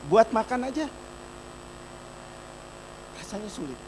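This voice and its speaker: Speaking straight to his congregation, a middle-aged pastor recounts his own testimony in a sermon, alternating booming emphasis with hushed narration. He talks slowly in a high-pitched voice with big swings in pitch, against a noisy background.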